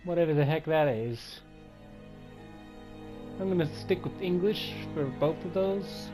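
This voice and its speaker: A man's voice: fairly high pitch, unhurried, mellow, faint music behind. A man hosting a let's play, chatting casually as he reads out menus and counts items aloud. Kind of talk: casual gameplay commentary.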